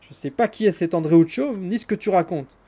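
A man's voice: sits high, fairly quick, dark tone, voice pushed up. A man voicing a sleepy, irritated maidservant who scolds and mocks a visitor. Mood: scolding. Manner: scolding, mocking. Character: sleepy, irritated woman servant.

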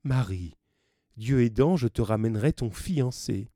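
A man's voice: mid-range voice, lively intonation, unhurried, warm tone, dry recording, studio quality, lightly acted. A man reading the part of a sturdy sea captain of about sixty, hearty and commanding.

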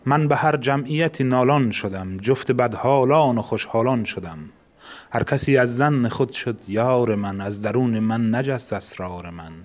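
A man reciting classical poetry in a rhythmic, measured cadence. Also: medium pitch, a little mellow.

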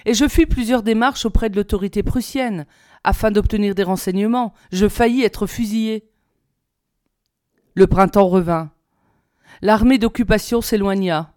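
Clear-voiced woman reading a story. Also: medium pitch, darkish tone, dry recording, clean studio sound. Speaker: reader. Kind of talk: reading a short story aloud.

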